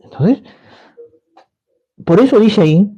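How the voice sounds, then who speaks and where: A man preaches a sermon in an easy conversational way, circling back over the same phrases and putting rhetorical questions to his listeners. His voice is dark and mellow, and the recording sounds dull and lo-fi. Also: high voice, lively intonation, takes it slowly, husky.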